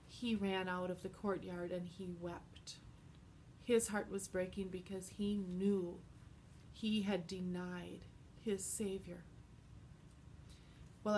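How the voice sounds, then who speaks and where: A woman's voice: mid-range voice, slight background noise. Woman telling a Bible story. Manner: slow, expressive storytelling with simple explanations. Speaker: Bible teacher. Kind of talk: children's Bible story lesson.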